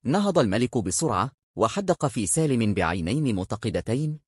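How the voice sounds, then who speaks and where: Male narrator for a folk tale; husky, expressive, lively pitch, dry close recording. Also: a little fast, no echo. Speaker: storyteller. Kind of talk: scripted story narration.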